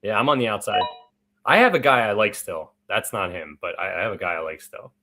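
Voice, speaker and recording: A man's voice: fairly low pitch, animated, a little fast, background noise. A man co-hosting a live fantasy football draft, chatty and rambling with plenty of filler words. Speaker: fantasy football podcast co-host. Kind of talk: casual live draft chat.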